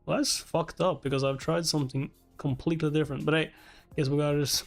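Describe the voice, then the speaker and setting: Background music plays as a man reads a webtoon on a livestream, chatting with his viewers, reacting casually, and swearing without much thought. He talks fast, his voice on the high side and fairly even in intonation.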